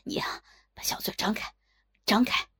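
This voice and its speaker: A woman voicing a lustful, self-satisfied man who gives hushed, eager commands. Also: normal speed, whispered, lightly acted.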